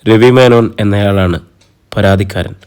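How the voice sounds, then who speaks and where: A man reading a romantic drama story aloud in a steady, measured storytelling voice. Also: lowish voice, clear, resonant tone. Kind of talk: scripted audiobook narration.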